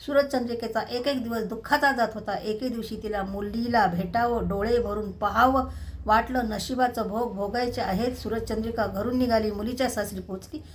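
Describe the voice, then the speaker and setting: A middle-aged woman tells a devotional story in a steady, measured reading voice. Her pitch sits a little high for a woman. A faint hiss runs under the recording. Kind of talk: storytelling narration of a devotional tale.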